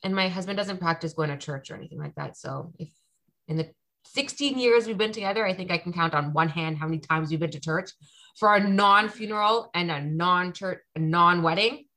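A woman in her thirties from Toronto, chatting casually as a podcast guest with lots of ums and quick asides. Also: on the low side, sharp tone. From Canada (Toronto). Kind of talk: casual conversation.

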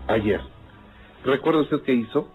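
A male radio host calmly questioning a caller and narrating what happened. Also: medium pitch. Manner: calm, measured questioning. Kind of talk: radio call-in show. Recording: phone-like archive radio with music.

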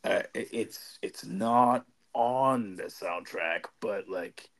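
Young dude rambling on a podcast, lots of um and you know, swears a bunch. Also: male voice, lowish voice, slow pace, creaky, fairly bright tone. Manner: rambling with many restarts and fillers, swearing. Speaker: podcast co-host. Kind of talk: casual chat.

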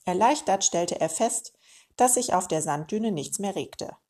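A woman reading a children's storybook aloud in a lively way, speaking directly to young listeners. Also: medium pitch, a little slow.

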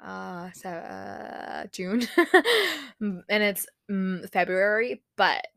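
Giggly, slow-talking young woman podcaster. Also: mid-range voice, creaky, fairly bright tone, no room sound, studio quality. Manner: giggly and frank, swears, reads a list aloud. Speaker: podcast host. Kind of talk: casual solo podcast chat.

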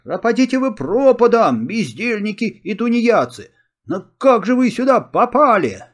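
A man voicing a frightened young boy who shouts and pleads in a storybook reading. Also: high-pitched, unhurried. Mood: angry.

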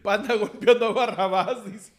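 High-voiced joking Peruvian man. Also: steady tone, echoey room. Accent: Peruvian Spanish. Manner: joking, quick to react, laughs often. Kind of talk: casual banter.

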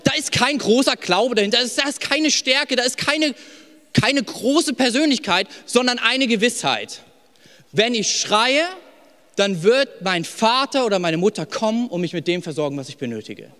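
A young man preaching a sermon in a personal, emphatic way, dropping to soft lines and rising to loud ones. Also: very high voice, expressive, normal speed. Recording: long hall reverb with faint music.

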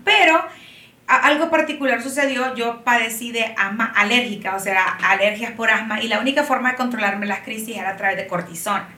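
A woman in her late thirties talks through her own story as an interview guest, unhurried and full of fillers. Her voice is fairly high and bright. It sounds far from the mic in an echoey room. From Honduras. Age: 30s. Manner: warm storytelling, frequent fillers. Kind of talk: casual interview conversation.

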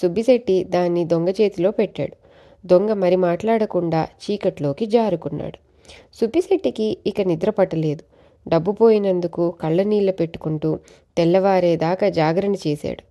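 Woman reading a story in a mellow voice. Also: lowish voice, normal speed.

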